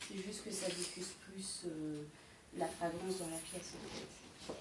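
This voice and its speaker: A woman's voice: on the low side, steady tone, takes it slowly. A woman selling candles to guests at a home party, explaining each product step by step with frequent hesitations. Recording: echoey room, distant mic, faint noise.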